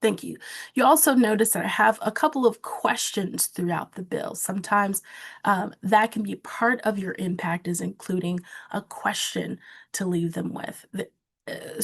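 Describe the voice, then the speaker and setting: A woman presenting a training session, giving calm, practical coaching on how to testify. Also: mid-range voice, gravelly. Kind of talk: instructional webinar talk.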